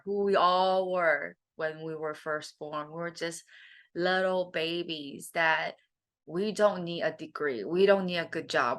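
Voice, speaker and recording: A woman's voice: sits low, fairly bright tone. A woman hosting a self-help talk, speaking earnestly and emphatically about self-acceptance. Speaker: host, life coach.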